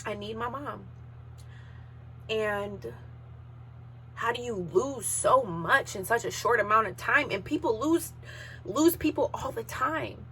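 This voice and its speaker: A woman's voice: on the high side, lively intonation, a little slow, fairly bright tone, slight background noise. A woman in her thirties hosting a podcast, telling a personal story in an emotional, sometimes tearful way while holding back tears. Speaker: podcast host.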